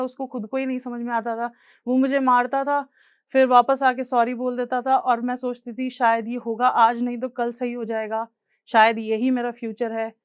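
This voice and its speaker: A young woman with an Indian accent shares her own life story from a stage. Her voice sits a little high and comes across smooth and resonant, recorded dry with no room sound. She speaks earnestly and plainly, mixing English words into her sentences. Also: dry recording. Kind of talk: personal story told on stage.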